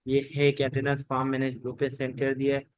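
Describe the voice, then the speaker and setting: A fast-talking teacher with a medium-pitched, completely flat delivery gives an online law class with no echo. His lecture is informal and rambling, repeating stock phrases and mixing Hindi-Urdu with English legal terms.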